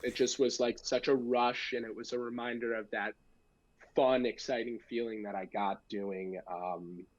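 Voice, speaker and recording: A young American man chats as a podcast guest, spinning a casual story in slangy, self-deprecating style. His voice is mid-pitched and close, in a dry but slightly muffled recording. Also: steady tone, normal speed, dry recording. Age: young adult. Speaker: guest, amateur stand-up comedian.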